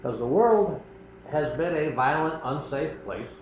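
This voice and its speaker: An older man preaching a sermon as pastor of a small church, earnest and conversational with pauses. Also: on the high side, animated. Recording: echoey room with faint background noise.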